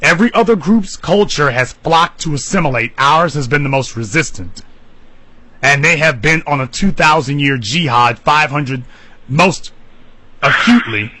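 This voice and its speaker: Fiery, animated male radio talker. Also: a little hiss or hum, rough recording. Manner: emphatic, preachy, leaps high in pitch for emphasis. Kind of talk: impassioned talk radio monologue.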